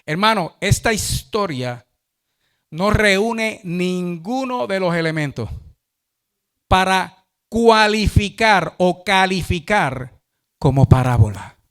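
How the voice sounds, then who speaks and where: Male pastor preaching hard, high-pitched, keeps saying brother, drags out words. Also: lively intonation, smooth. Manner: emphatic, repeats "hermano", drawn-out stresses, big swings in pitch and loudness. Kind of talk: sermon.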